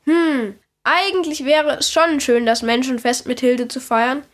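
A woman's voice: sits high, fairly even intonation, measured pace. A woman voicing a grumpy but kind male mole who grumbles in a children's audio story. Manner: grumbling, exasperated.

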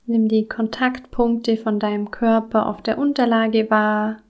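A woman guiding a body scan meditation, speaking softly and soothingly, with some words in a breathy whisper. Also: on the high side, fairly even intonation, measured pace. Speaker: meditation guide.

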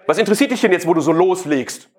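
A man's voice: sits high, expressive, quick pace, husky. A man giving a live sales talk, questioning the audience and provoking them. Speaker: sales speaker.

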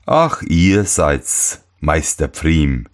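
A man reading a fairy tale and voicing a solemn male apostle at the gate of heaven who speaks slowly and gravely. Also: extremely low pitch, expressive, voice pushed down, exaggerated voice. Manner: slow, grave warning.

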